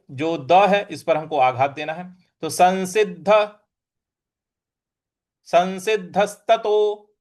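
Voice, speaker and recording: A man with a high voice teaches verse recitation at a slow, deliberate pace. He says each word several times and marks its stress with care. Between drills he explains the pronunciation plainly. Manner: chants invocation verses in measured tones. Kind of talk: Sanskrit pronunciation lesson.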